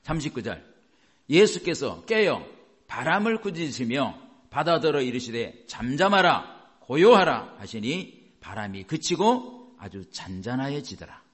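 A male pastor gives a sermon in a very animated, medium-pitched voice. He reads scripture slowly, then explains it to the congregation in a chatty way.

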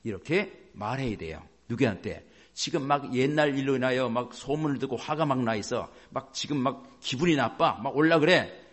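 A man's voice: medium pitch, animated, normal speed. A male pastor preaching a sermon, acting out inner self-talk as he goes.

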